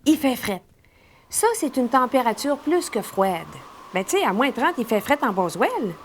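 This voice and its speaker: A woman with a Saguenay Québécois accent giving a mock language lesson, speaking slowly and drilling words for the class to repeat. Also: on the high side, big pitch swings, a little hiss or hum. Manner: slow, deliberate drill-style teaching with repetition. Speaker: comic language teacher.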